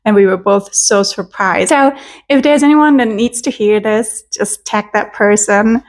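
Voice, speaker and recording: A woman with a German accent telling a heartfelt personal story straight to camera. Her voice sits at an ordinary middle pitch, and her delivery is sincere and unhurried, like a creator sharing something close to her heart. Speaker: social media creator.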